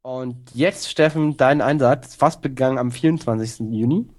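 A man co-hosting a casual history chat, explaining in a relaxed way. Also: medium pitch, normal speed. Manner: relaxed explaining, some fillers. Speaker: podcast co-host.

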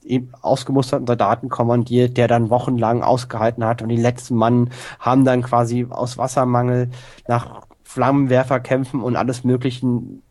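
A man co-hosting a casual history chat, explaining in a relaxed way. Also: mid-range voice, moderate pace. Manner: relaxed explaining, some fillers. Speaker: podcast co-host.

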